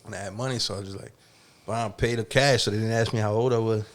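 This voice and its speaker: Fast-talking, animated German-born man. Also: on the low side. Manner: animated, profane, laughing storyteller. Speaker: guest rapper. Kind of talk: casual podcast storytelling.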